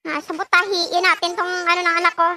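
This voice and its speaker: A woman's voice: very high voice, flat delivery, a little fast. A middle-aged woman, chatting casually and joking while she decorates a cake, laughing often and mixing in English. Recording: loud background noise.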